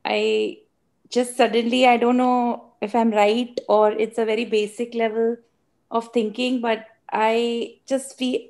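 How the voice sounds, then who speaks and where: A woman sharing a personal reflection with a teacher, speaking hesitantly and earnestly with many pauses and fillers. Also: on the high side, flat delivery, darkish tone. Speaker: participant sharing.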